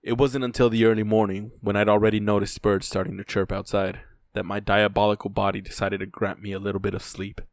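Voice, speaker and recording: A man's voice: fairly low pitch, flat delivery, quick pace, few pauses, no room sound. A man narrating a first-person story in a dry, weary telling.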